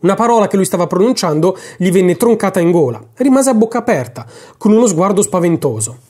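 A man's voice: high voice, animated, fast, warm tone. A man reading a classic story aloud for his podcast, narrating expressively and dramatically. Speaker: podcast host and reader.

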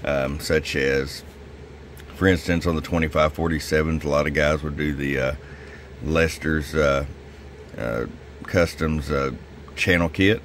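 A man with an extremely deep voice talks a customer through a tune-up at his radio workbench. He is folksy and chatty, and his casual talk carries a faint hiss behind it. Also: steady tone, unhurried, pauses often, fairly bright tone. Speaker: radio shop owner.

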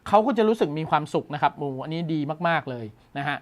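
A man's voice: on the high side, expressive, fast talker. A man hosting a tech news show, explaining a gadget in a casual, enthusiastic way and exclaiming often.

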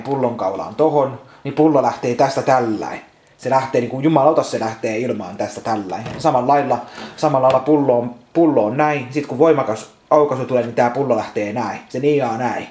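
A man's voice: mid-range voice, darkish tone, roomy sound. A man vlogging from his home, ranting angrily about a burst bottle, swearing constantly and repeating himself. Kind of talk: angry rambling vlog rant. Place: at home indoors.

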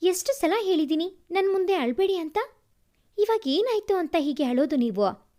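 A woman's voice: very high-pitched, lively intonation, normal speed, mellow. A woman voicing an earnest grieving young woman. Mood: pleading.

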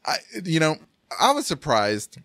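A man's voice: on the high side, wildly swooping pitch, unhurried, pushed and bright, dry recording, clean studio sound. Laughing, tongue-tied male podcast host. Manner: laughs often, stumbles over words. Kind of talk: casual chat.

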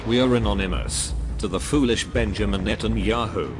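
A man speaking through a disguised, pitched-down deep voice, delivering a cold, measured scripted threat. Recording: loud music bed under voice.

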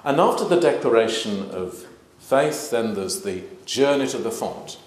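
Slow-speaking clergyman in echoey hall. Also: mid-range voice, animated. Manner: measured, emphatic, gesturing while speaking. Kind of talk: interfaith talk. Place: large plain hall.

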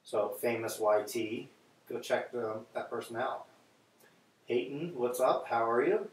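Cooking breakfast on a stream, this guy chats casually with his audience while adjusting the audio. He sounds far from the mic, with a medium voice at a measured pace, a cavernous room echo and faint noise.

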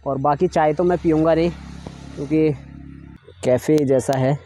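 Holding his phone at arm's length, a young vlogger narrates his road trip casually, first in a car on mountain roads and then outdoors at a crowded temple. Travel sickness has left him a little queasy, but he stays chatty and friendly with viewers. His highish voice is mellow and fairly even at a moderate pace, with slight background noise.

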